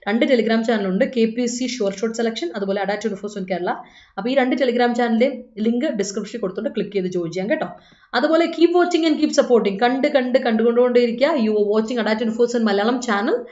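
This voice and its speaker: Malayali lady tutor running a live class online, coaxing her students, kinda high voice, dull muffled sound. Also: fast, darkish tone. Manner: chatty, coaxing students, mixing English into Malayalam. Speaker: English exam tutor. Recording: echoey room, dull lo-fi sound.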